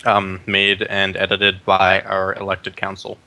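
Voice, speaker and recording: A man chatting casually during a tabletop game, easygoing and quick to laugh. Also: sits low, monotone, pushed and bright, low-quality recording. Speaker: player.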